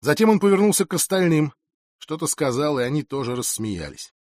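A man reading a first-person novel aloud as an audiobook narrator, in an expressive, dramatic way. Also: fairly high pitch, brisk, dry recording, studio quality.

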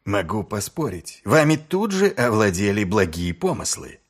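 A man reading aloud as a world-weary male watch commander, middle-aged and sardonic. His voice sits low and quiet, with dry mockery in every line. An audiobook character voice. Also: big pitch swings, normal speed. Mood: mocking. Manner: dry, mocking, low and subdued.

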